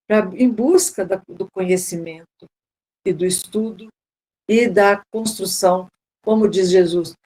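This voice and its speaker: A woman's voice: mid-range voice, a little mellow. A Brazilian woman speaking at a spiritual seminar, informal and conversational, often repeating words and tagging on "né?". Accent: Brazilian Portuguese.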